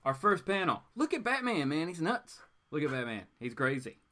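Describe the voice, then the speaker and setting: Reading viewer comments during a casual, rambling live stream, a male host makes playful asides that veer between exclaiming and muttering. He sounds on the high side, very animated and sharp, speaking at normal speed.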